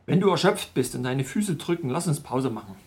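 A man voicing a calm, resolute male travel companion who gives firm, practical advice in a storytelling podcast. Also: mid-range voice, brisk, natural voice.

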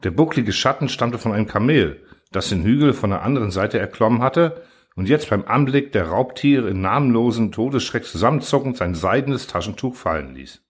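A man reading a literary tale aloud as a podcast storyteller, with expressive narration. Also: lowish voice, a little fast, slightly rough. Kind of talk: scripted narration.

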